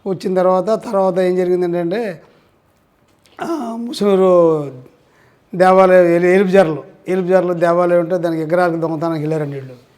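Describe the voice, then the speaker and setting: A man's voice: high-pitched, fairly even intonation, moderate pace, long pauses, darkish tone, clean tone. A man recounts being cheated, telling it in a rambling, repetitive way, full of polite fillers and re-enacted quotes. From Andhra Pradesh. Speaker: fraud victim. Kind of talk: casual recounting interview.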